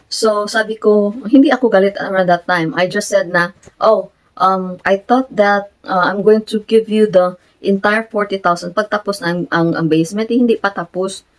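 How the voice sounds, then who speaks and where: A woman's voice: mid-range voice, moderate pace, rough recording. A woman from the Philippines with a Filipino accent, telling a story in a casual vlog, switching between Tagalog and English as she retells her conversations. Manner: grows animated and emphatic. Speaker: vlogger.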